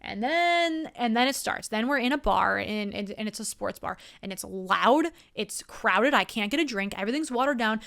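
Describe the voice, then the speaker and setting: A woman's voice: a little high, lively intonation, normal speed, creaky, hardly any pauses, fairly bright tone. A young woman hosting her show with a rambling, self-mocking comic monologue. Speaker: comedian host.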